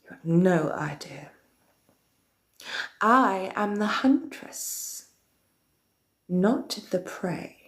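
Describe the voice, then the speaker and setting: With a sinister, theatrical air, a woman plays an ancient villainous queen of darkness chatting in character with viewers, her followers. She murmurs slowly, her lively pitch swooping widely between phrases and often sinking into a breathy whisper, all in a roomy echo.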